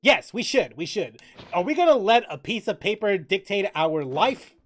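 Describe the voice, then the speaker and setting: This streamer speaks at medium pitch and a moderate pace, with no echo on the recording. Reading chat aloud, they joke around, curse a little and react to the game in a lively way while music plays in the background.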